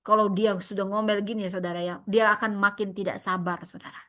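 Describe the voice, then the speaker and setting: Bright-voiced woman pastor preaching with fervor. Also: medium pitch, fast. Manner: animated, emphatic preaching that acts out quoted voices; addresses the congregation often as "saudara". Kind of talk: sermon.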